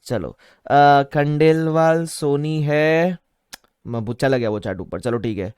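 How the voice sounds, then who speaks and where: A man with a Mumbai accent teaching a live online class, energetic, mixing Hindi and English and reading viewer chat aloud. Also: on the high side, takes it slowly, clean tone, no echo, studio quality. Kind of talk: live-streamed online lecture.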